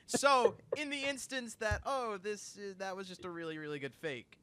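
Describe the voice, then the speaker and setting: This young man's voice sits high and clean as he co-hosts a relaxed livestream at normal speed. He tells his stories eagerly, frequently backing up to restart.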